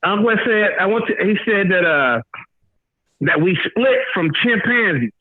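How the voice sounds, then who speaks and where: A man calling in to a talk show, asking a rambling, halting question. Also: high voice, animated, dry recording. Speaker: caller. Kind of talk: casual call-in talk. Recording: tinny phone line.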